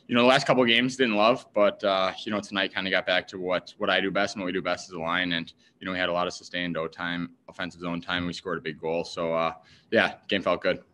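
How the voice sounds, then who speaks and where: Young hockey player, bright and fast. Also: male voice, deep voice, level tone, a little hiss or hum. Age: young adult. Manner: plain, filler-heavy answers. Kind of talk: post-game press conference answers. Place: team media room in front of a backdrop. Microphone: desk mic in front.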